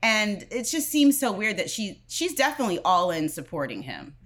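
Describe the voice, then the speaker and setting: A woman's voice: medium pitch, sing-song, moderate pace, a bit bright. A woman co-hosting a casual chat show, talking loosely with many fillers and frequent laughs. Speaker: podcast co-host.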